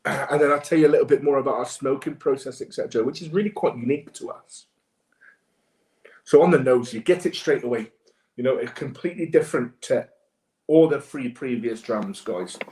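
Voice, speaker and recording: A man presents tasting notes like an informal sommelier, with a halting, chatty delivery. His mid-pitched voice sounds in a roomy, echoing space. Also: darkish tone. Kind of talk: sommelier-style tasting notes in a casual live webcast.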